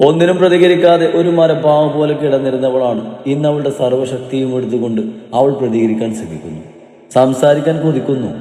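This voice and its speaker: A male storyteller giving an expressive, dramatic narration of an emotional story, with a mellow voice in a roomy, echoing space. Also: mid-range voice. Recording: roomy reverberant room.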